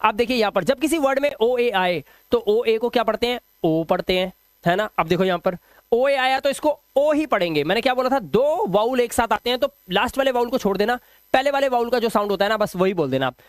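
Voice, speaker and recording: A man teaching English pronunciation rules in a slow, repetitive lesson, drawing out example words and asking the class rhetorical check questions. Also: extremely high pitch, lively intonation, no room sound, studio quality.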